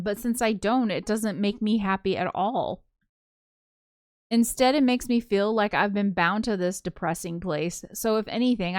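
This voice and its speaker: A woman co-hosting a gaming show reads a visual novel aloud, drifting into casual, chatty commentary and giggly asides. Her medium-pitched voice is recorded dry with clean studio sound.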